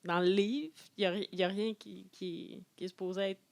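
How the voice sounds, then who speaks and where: A woman's voice: mid-range voice, fairly even intonation, normal speed, vocal fry, a little mellow. A woman with a Quebec French accent, co-hosting a casual book-club podcast and talking hesitantly, with many restarts. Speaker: podcast co-host.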